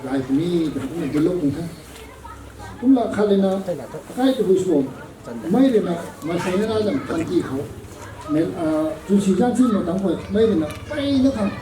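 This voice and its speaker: A man preaching a sermon at a prayer meeting, measured and slow, with English words slipped in. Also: sits high, animated, a crowd in the background, background noise. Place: prayer gathering hall. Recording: echoey hall, voice from a distance.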